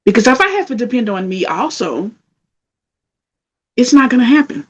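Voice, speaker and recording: A woman's voice: fairly high pitch, animated, moderate pace, husky, dull audio. A middle-aged woman giving a motivational self-care talk, emphatic and conversational, repeating her points. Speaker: spiritual talk speaker.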